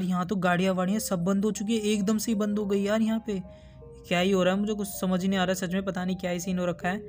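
High-pitched, fast-talking gaming narrator. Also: male voice. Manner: chatty, talks straight to viewers; jumpy and easily spooked. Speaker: gaming YouTuber. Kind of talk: gameplay commentary.

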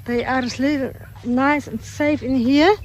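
Holding her phone as she strolls, an Australian woman shows off her homestead's garden and poultry outdoors. She speaks in a high, steady voice, a little slowly, casual and unhurried with fillers and a turn of phrase.

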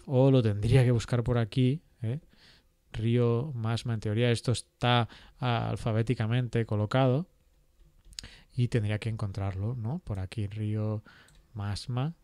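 A man from teaching GIS software in a screen-recorded tutorial, thinking aloud with many fillers and checking in with "¿vale?" as he clicks along. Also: medium pitch, no room sound, studio quality. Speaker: GIS instructor.

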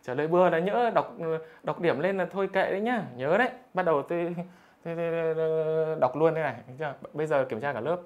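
This man's voice sits fairly high and moves briskly, with a lo-fi sound quality. He's a math teacher running a live online class, playfully announcing students' scores and teasing them, over and over asking "được chưa?".

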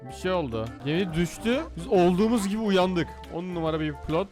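A man commentating as he plays computer games, excitable and jokey, often shouting at the game. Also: high voice, brisk, music in the background. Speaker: gaming YouTuber. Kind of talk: let's play commentary.

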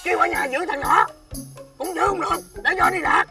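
An actor with a Southern Vietnamese accent playing a hot-tempered father who scolds his wife in loud bursts. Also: extremely high pitch, recorded from a distance, soft background music, heavily acted. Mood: scolding. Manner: scolding, shouting, fast bursts. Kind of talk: TV fairy-tale drama acting.

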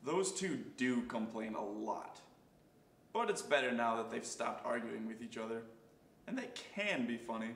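A man's voice: mid-range voice, animated, moderate pace, vocal fry, a bit bright. A man playing a dryly observant board game player in a scripted comedy skit. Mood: dry musing. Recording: roomy, noisy, distant-sounding pickup.

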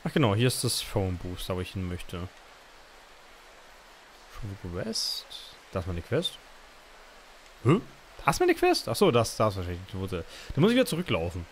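A man's voice: on the low side, wildly swooping pitch, moderate pace, long pauses, slight background noise. A man casually commenting on his gameplay as a let's play host, muttering and rambling with many fillers.

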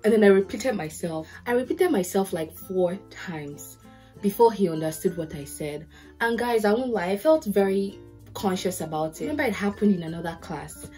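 Soft background music plays as a young Nigerian woman, a lawyer who hosts a podcast, speaks to the camera from her bedroom with curtains. Her voice is medium-pitched and moderately paced with a Nigerian accent, and she offers casual advice while vividly acting out quotes in little stories.

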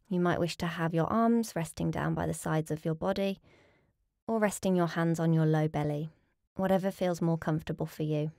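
Here a yoga nidra teacher, her voice fairly low, offers calm and soothing guidance through a restful meditation, leaving soft pauses as she goes. The audio is dry and close-miked, with little sense of the room.

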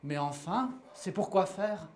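A woman's voice: lowish voice, expressive, a little slow, a little mellow. A woman reading as a puzzled, worried wife. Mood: pleading.

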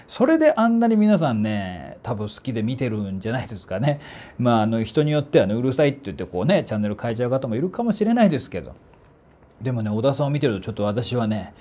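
A man's voice: mid-range voice, mellow. A man from the Kanto region, a voice trainer giving a chatty, emphatic solo talk with polite asides. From Kanto, Japan.

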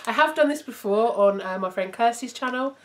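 A woman's voice: fairly high pitch, fairly quick. A young woman hosting a vlog, chatting casually to camera in a giggly way. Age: young adult. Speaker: vlog host. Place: room at home. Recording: faint noise, home recording.

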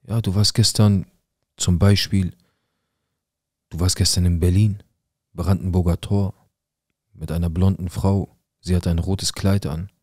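A man voicing his unstable mother in a cold, threatening, low-key way while telling a true story. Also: fairly even intonation, unhurried, long pauses, darkish tone, dry recording, clean studio sound. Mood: menacing. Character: menacing unstable mother, woman, middle-aged.

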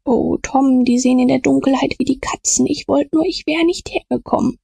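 A woman voicing a fearful rough country boy who speaks in hushed, clipped colloquial phrases. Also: sits high, fairly quick, no echo, voice pushed up, full character voice.

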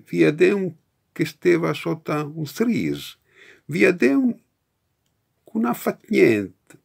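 A man in his sixties with a Romagnol accent and a gravelly, husky voice, reciting poetry in Italian dialect. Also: on the high side. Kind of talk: poetry reading. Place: book-lined study, indoors.

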